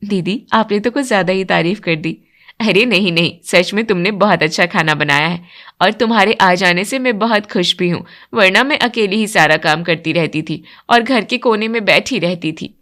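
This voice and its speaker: A woman voicing a shy, gentle elder daughter-in-law who speaks softly and cautiously. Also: medium pitch, moderate pace, pitched below the performer's own voice, natural voice. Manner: soft, cautious.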